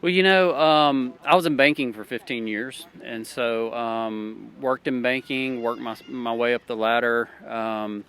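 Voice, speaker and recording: A man's voice: mid-range voice, steady tone, unhurried, few pauses, fairly bright tone, smooth. A man with an Alabama Southern accent, talking earnestly in a casual street interview, with many fillers and restarts. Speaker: interviewee, church worker.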